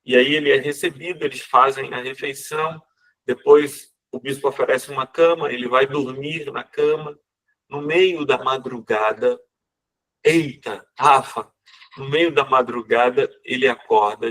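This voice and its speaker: A man, a friar preaching a sermon, telling a story in a lively, conversational way. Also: medium pitch, a little slow. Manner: lively, conversational, asks listeners "né?".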